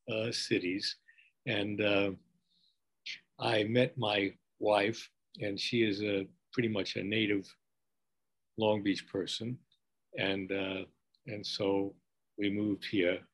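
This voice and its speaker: A man in his sixties with a New York accent, a business owner chatting as a guest, talking loosely with lots of fillers. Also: lowish voice. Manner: rambling with many fillers. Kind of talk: casual interview chat.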